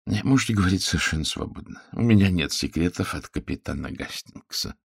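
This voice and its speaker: A man's voice: sits low, expressive, a little fast, vocal fry, husky, dry recording, studio quality, exaggerated voice. A man voicing a fussy, precise middle-aged Belgian detective in an audiobook, pompous and pedantic. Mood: measured.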